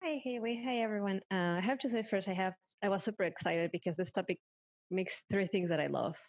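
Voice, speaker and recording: Excitable woman on a video call. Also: mid-range voice, brisk, dry recording, muffled recording. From Peru. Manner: excitable, laughs often.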